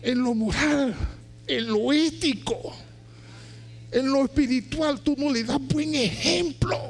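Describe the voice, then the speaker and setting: Preaching slowly but fervently, this man keeps shouting rising questions before sinking back down low. His delivery is full of restarts and repeated words.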